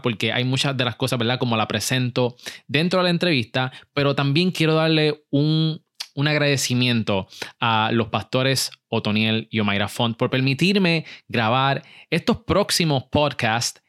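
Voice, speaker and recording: A man hosting a business podcast with an upbeat, lively delivery, speaking. His pitch sits mid-range for a man, and he leans on casual fillers as he talks. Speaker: podcast host. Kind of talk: energetic podcast hosting and interviewing.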